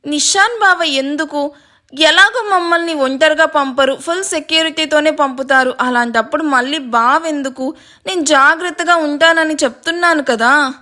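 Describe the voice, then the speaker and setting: A woman's voice: high voice, moderate pace, bright, forceful tone, pitched above the performer's own voice. A woman voicing a cheeky young woman who argues and pleads in an irritated way. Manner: pleading, argumentative.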